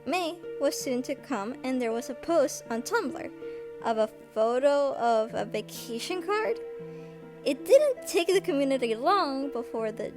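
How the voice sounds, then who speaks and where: A woman's voice: sits high, animated, unhurried, over music. A woman narrating a scripted fan-theory summary in a chatty, conversational way.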